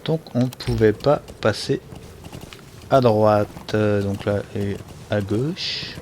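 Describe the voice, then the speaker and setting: A man's voice: fairly low pitch, takes it slowly, a little mellow, slight background noise. A man hosting a let's play, giving chatty, self-mocking gameplay commentary.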